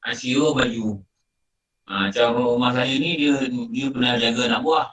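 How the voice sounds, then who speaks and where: Unhurried and fairly even in intonation, this middle-aged man speaks in a mid-range, slightly bright voice with a Malaysian Malay accent. As a religious teacher giving an informal lecture, he tells stories in a chatty way with plenty of repetition. The room sounds big, and he is far from the mic.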